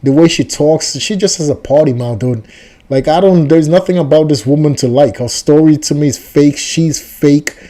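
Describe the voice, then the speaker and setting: A man's voice: fairly high pitch, normal speed, warm tone. A man hosting a reaction video, giving rambling, skeptical commentary. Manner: skeptical, rambling, repeats himself. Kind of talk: casual commentary.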